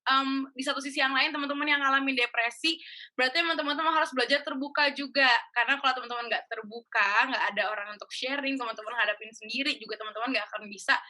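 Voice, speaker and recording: Pembawa acara perempuan bersuara tinggi cerah. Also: female voice, sits high, steady tone, fast talker, bright, forceful tone. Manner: chatty, addresses the audience as "guys". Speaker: host. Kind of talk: casual Q&A hosting.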